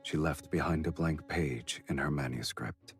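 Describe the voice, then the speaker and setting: An actor voicing a suave, mocking male fiend nobleman who speaks smoothly and without hurry. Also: a bass voice, normal speed. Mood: teasing. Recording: game audio with music behind.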